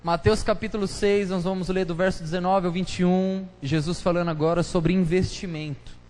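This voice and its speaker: A man's voice: high-pitched, fairly even intonation, normal speed, a little mellow, clean tone. A pastor preaching a casual, joking sermon full of slang, chatting with his congregation during a live church service. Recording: live church hall reverb, faint noise.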